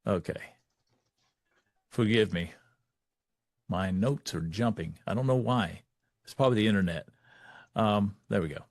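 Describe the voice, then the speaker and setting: A motivational speaker and coach from Texas shares a story on an online call, storytelling with lively animation and stopping at times to look at his notes. He has a lowish voice. The studio-quality sound carries no room tone.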